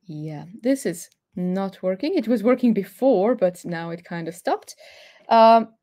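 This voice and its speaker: A woman walks viewers through a live science experiment on an online stream, explaining patiently with plenty of ums and uhs. Her voice sits at a middling pitch and is picked up by a camera microphone in an indoor room. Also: expressive, a little slow, dark tone. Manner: explains step by step with frequent fillers. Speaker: science presenter. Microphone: webcam or phone camera mic.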